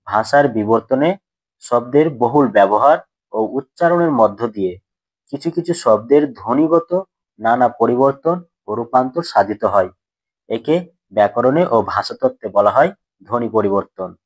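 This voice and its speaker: Man, teacher type; slightly husky, steady middle pitch, dry recording; drills students with rhetorical questions. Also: measured pace, no echo, rough recording. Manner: asks questions then answers them himself, repeats key points. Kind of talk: grammar lesson for school students.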